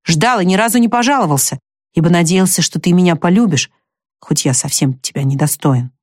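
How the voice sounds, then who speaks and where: A woman's voice: fairly low pitch, fairly quick, darkish tone, no echo, studio quality, close to an everyday voice. Laurie, a woman voicing a lovesick young man. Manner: earnest, choked, pleading.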